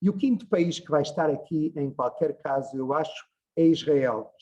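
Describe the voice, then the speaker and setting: Guy in his 60s, journalist giving an online talk, highish voice, hesitant, lots of ums. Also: moderate pace, dark tone, highs cut off. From Portugal. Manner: discursive, frequent hesitations. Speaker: guest lecturer, journalist. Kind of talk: online open lecture. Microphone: video call.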